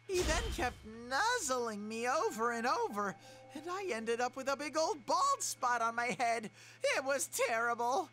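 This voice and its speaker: A squeaky, bubbly bear mascot. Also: sing-song, a little slow, bright, forceful tone, heavily acted. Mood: fretful. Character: cheerful bear mascot, fretful and affectionate. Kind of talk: video game voice acting. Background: game music.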